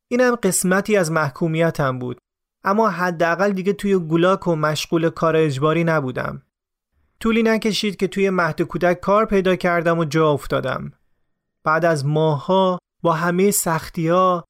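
A man narrating a true story in the first person for a podcast, in a calm, measured, reflective way. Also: fairly high pitch. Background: faint music.

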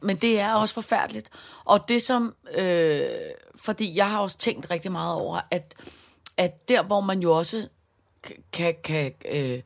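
A woman with a lowish voice thinks aloud, hesitant and reflective, pausing on fillers and often agreeing with her partner. Her voice sits below the usual pitch for a woman. The setting is a relaxed podcast chat. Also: creaky. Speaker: podcast co-host. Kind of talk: casual chat.

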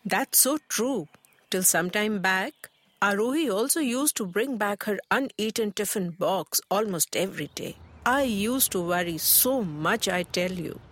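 A woman with an Indian accent plays a helpful, health-conscious mother in scripted conversational dialogue, chatty and instructive while mixing Hindi into English. Her mid-range voice is expressive, unhurried and fairly bright, with no room sound. Music plays underneath her voice.

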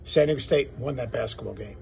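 A man's voice: medium pitch, fast talker, vocal fry, darkish tone, slight background noise. A man giving emphatic post-game sports commentary as an analyst, building points through repetition.

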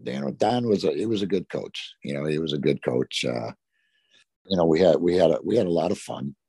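A man's voice: low-pitched, expressive, a little fast, vocal fry, mellow, slightly rough, no echo. A middle-aged man, a former hockey player from the Detroit area, tells long rambling stories in an interview, full of "you know". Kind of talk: storytelling in an interview.

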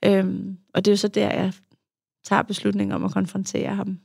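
A woman's voice: medium pitch, completely flat delivery, vocal fry, darkish tone, breathy edge, no room sound, clean studio sound. A young woman, a podcast guest and youth therapist, telling her story candidly and reflectively, with many fillers. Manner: frank, reflective, with frequent fillers. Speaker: guest, adult child of an alcoholic.

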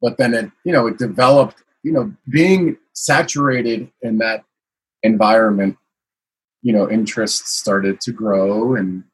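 An American man is a guest in a casual interview, telling his life story in a rambling way full of "you know" and other fillers. His lowish voice is unhurried with a breathy edge, and the audio quality is poor.

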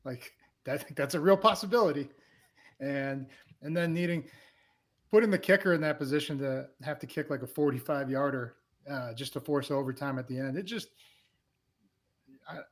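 A man co-hosting a casual sports podcast, laid-back and measured, with many ums. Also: a little high. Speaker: podcast co-host.

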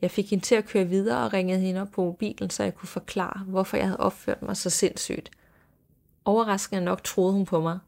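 A woman hosting a storytelling podcast, reading eerie first-person accounts aloud in a calm, hushed way, sometimes dropping to a soft whisper. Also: mid-range voice, vocal fry. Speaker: podcast host.

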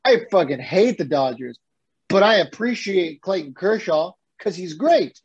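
A man's voice: high voice, measured pace, slightly rough, dull audio. A man co-hosting a casual sports podcast, ranting with energy and the odd curse. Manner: animated, swears, rants. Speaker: podcast co-host.

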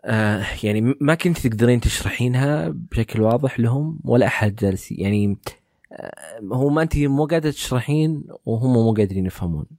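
A man's voice: mid-range voice, animated, quick pace, a little mellow, no echo, studio quality. A man hosting a podcast interview, asking short probing follow-up questions. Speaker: podcast host.

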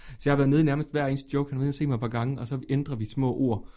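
Sex: man. Role: comedian guest. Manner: lively storyteller who laughs a lot and leaps up in pitch. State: sore, strained voice. Pitch: mid-range. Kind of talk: casual podcast chat.

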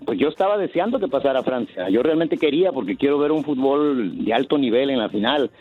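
Husky man over a tinny phone. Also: medium pitch, expressive, soft background music. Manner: halting, with many restarts. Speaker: caller. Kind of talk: casual phone-in chat. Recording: tinny dry phone line.

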